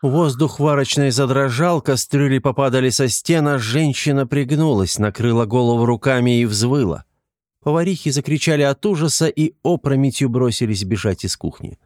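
A man narrating an audiobook in an even, measured reading. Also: medium pitch, dry recording, clean studio sound. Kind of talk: scripted narration.

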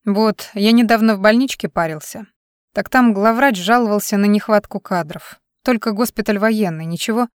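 Gruff, terse neighbor man in a storybook, read by a woman narrator. Dry, close recording. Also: medium pitch, moderate pace, no room sound, lightly acted. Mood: easygoing. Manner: terse, matter-of-fact.

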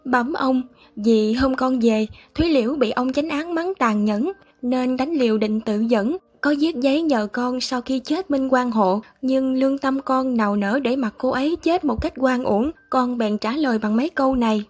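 A woman's voice: high-pitched, normal speed, a little mellow, breathy edge, soft background music. A woman voicing a pleading tearful young man. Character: anxious young male student, pleading and tearful.

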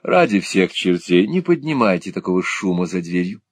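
A man's voice: low voice, big pitch swings, moderate pace, dry recording. A man voicing an earnest, naive young playwright who explains things politely with a touch of irony. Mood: startled.

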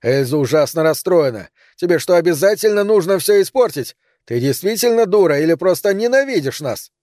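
A man reading an audiobook, voicing an angry younger man who shouts at his mother. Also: a little high, moderate pace, no echo, studio quality, lightly acted. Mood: furious. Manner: shouting in anger. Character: angry younger man, hot-tempered stepfather.

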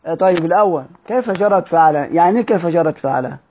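A man with an Egyptian accent teaching a classical grammar text, asking and answering his own questions, with quick asides and slowly drawn-out recitation of verse. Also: on the high side, lively intonation, lo-fi sound. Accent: Egyptian Arabic. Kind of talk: colloquial Egyptian lesson mixing classical quotations.

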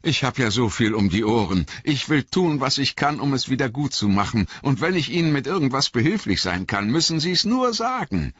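A man's voice: medium pitch, normal speed, hardly any pauses, breathy edge, no echo, pitched above the performer's own voice. A man voicing a chatty, flustered innkeeper in an audiobook reading, rambling and apologetic. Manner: rambling, apologetic, lively storytelling. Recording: dull lo-fi recording.

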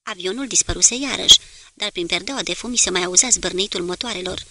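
A woman narrating a war novel as an audiobook, in a steady, measured storytelling manner. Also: on the low side, noisy background.

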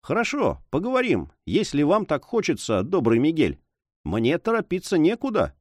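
A man's voice: on the high side, wildly swooping pitch, normal speed, dry recording, studio quality, pitched above the performer's own voice. A man voicing a proud but frightened army major who speaks tensely and indignantly in an audiobook. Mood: guarded. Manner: tense, indignant, then faltering. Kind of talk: audiobook character voice.

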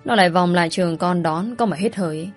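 A woman reading a fussy old mother-in-law, grumbling and disapproving, lowish voice, story telling. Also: fast, faint music behind, natural voice.

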